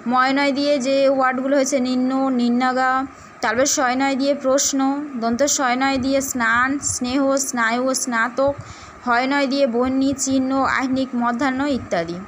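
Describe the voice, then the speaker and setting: Woman, high-pitched, teacher, primary school lesson, methodical word lists, faint hiss. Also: flat delivery. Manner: slow, methodical listing of example words.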